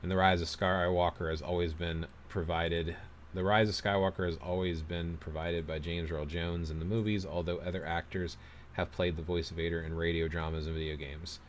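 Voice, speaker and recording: A man with a very deep voice talks loosely on a livestream. He rambles through his opinions and cheerfully mocks himself for going on too long. He reads viewer comments aloud and answers them. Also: level tone, normal speed, slight background noise. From United States. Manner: rambling, opinionated, self-deprecating. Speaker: livestream host reading chat comments. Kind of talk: casual livestream chat.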